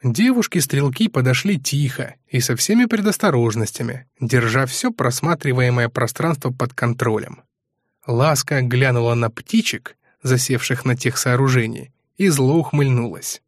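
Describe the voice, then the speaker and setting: Steady male audiobook narrator, dry sound. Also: mid-range voice, normal speed, no room sound. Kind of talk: scripted narration.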